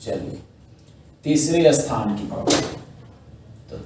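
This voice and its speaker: A man's voice: medium pitch, sing-song, slow pace, background noise. A man teaching a shorthand class, explaining each step patiently and checking in with his students often. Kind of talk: online class lesson. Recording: echoey room, mic far off.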